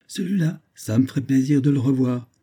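A man's voice: medium pitch, expressive, a little fast, dark tone, pitched above the performer's own voice, natural voice. A man reading aloud, voicing a cheerful talking bust of an old army friend, jovial and teasing. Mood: warm.

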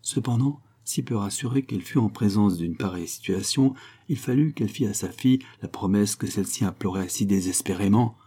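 A male audiobook narrator reads a classic novel with measured, expressive storytelling. His voice sits low and sounds dark and mellow, with a husky edge. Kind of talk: scripted literary narration.

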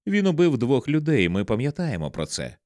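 A man's voice: mid-range voice, huge pitch swings, normal speed, no room sound, voice pushed up. A man voicing an anxious, angry wife who speaks sharply and close to tears. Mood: pleading. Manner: sharp, tearful, pleading. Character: anxious, angry wife confronting her husband.

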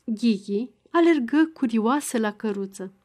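A woman narrating a classic novel as an audiobook, in an expressive, measured storytelling manner. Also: on the high side.

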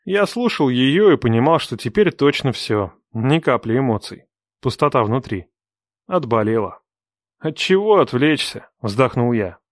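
A man reading a first-person audiobook with a mid-range voice, recorded close and dry. He moves from even, steady narration to curt, forceful dialogue lines. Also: mid-range voice, moderate pace, no room sound. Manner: expressive, switching between calm narration and hard, sharp dialogue.

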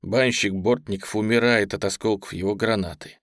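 A man's voice: fairly even intonation, normal speed, fairly bright tone, dry recording, clean studio sound. Man reading a curt army lieutenant. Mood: stern. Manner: low, clipped, restrained. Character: stern young male army lieutenant, curt.

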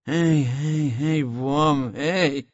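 Frantic young gendarmes yelp and whine in a rural twang, as a male audiobook reader puts them on in a raised, wildly swinging pitch. The voices are husky. It sounds like a dull, dry lo-fi audiobook recording. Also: big pitch swings, no room sound, full character voice. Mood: panicked. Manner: frantic, whiny, dialect-tinged shouting. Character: panicked bumbling male provincial gendarmes, young adults.

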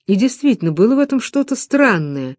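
Woman calmly reading a novel. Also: fairly high pitch, a little fast, dry recording, clean studio sound. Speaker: audiobook narrator. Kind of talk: novel narration.

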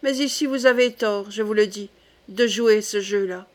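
A woman's voice: mid-range voice, moderate pace, lightly acted. A woman voicing a proud, irritable young king in an audiobook, commanding and indignant.

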